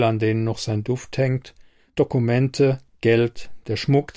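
A man narrating an audiobook in a steady, even reading voice. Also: mid-range voice, no room sound, studio quality. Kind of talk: scripted narration.

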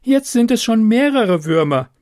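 A man voicing Loreen, a skeptical, sharp-tongued young girl, in a raised, higher voice. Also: very animated, unhurried, heavily acted.

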